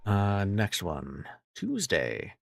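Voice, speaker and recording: A man's voice: on the low side, wildly swooping pitch, very slow, gravelly, noisy background. A man casually commenting on a video game as he plays, offhand and thinking aloud.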